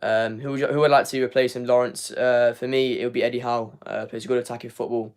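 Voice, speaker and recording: Quick and clean in tone, this mid-range male voice barely moves in pitch. He's a young fan channel host doing a live football match review and reading chat, losing his voice while rambling with repeated words and frequent fillers.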